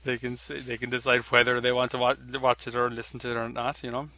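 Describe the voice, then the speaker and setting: A man's voice: medium pitch, completely flat delivery, fast talker, pushed and bright. A man making videos, chatting casually over a call and rambling with lots of "you know" and "like". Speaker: video maker.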